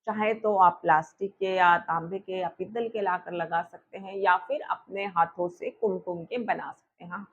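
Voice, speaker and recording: A woman astrologer with a sore throat explains the Diwali puja ritual step by step for viewers, asking and answering her own questions with frequent fillers. Her voice is fairly low, steady and breathy-edged, at a moderate pace with hardly any pauses. The recording is dull and lo-fi.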